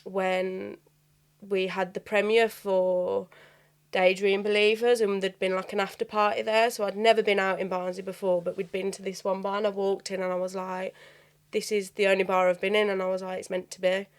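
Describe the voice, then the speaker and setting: A young woman with a Birmingham accent tells her story as a guest on a podcast. Her pitch sits mid-range and stays fairly flat, and her chat runs on in a rambling way, full of "sort of" and "like". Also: moderate pace, clean tone. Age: young adult. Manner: chatty, rambling, uses "sort of" and "like" a lot. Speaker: bar owner, interview guest.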